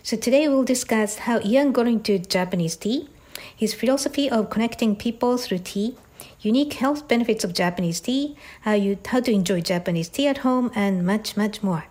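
A woman's voice: a little high, normal speed, a little mellow. Woman hosting a podcast interview. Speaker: podcast host.

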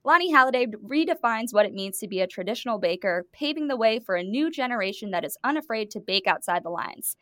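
A woman's voice: fairly high pitch, lively intonation, fast talker, hardly any pauses, a bit bright, no room sound, clean studio sound. A woman guest-hosting a food podcast, enthusiastically reading scripted guest introductions and then interviewing her guests. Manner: enthusiastic, reads guest bios with emphasis.

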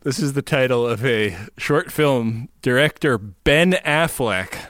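Smooth-voiced man in dry, casual chat. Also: mid-range voice, expressive, takes it slowly, a bit bright, dry recording. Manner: joking, laughs often, retells scenes with playful voices. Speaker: podcast co-host. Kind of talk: casual chat recapping a TV episode.

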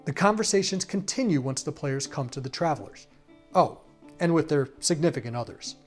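A male reporter narrates a sports feature in a steady, scripted read. His voice sits a little high for a man, with faint guitar music playing underneath. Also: fairly quick.

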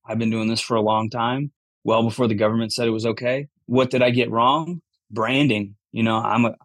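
A man with a lowish voice appears as a podcast guest, a cannabis entrepreneur answering candidly and conversationally, speaking bluntly and swearing casually. There's no room sound.

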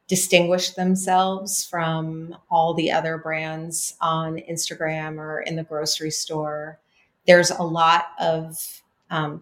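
A woman hosting a podcast carries a casual interview chat in a low voice with a fairly bright tone. She is chatty and rambling, using lots of fillers.

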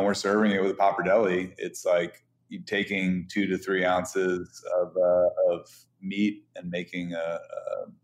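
A man, a chef and restaurant co-founder, talking casually in an interview with eager, stumbling restarts. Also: sits low.

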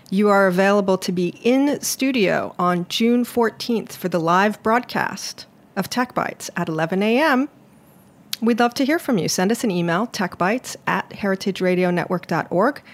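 A woman hosting a live radio interview show, addressing listeners and guests from a small studio. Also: mid-range voice. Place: small broadcast studio in a shipping container.

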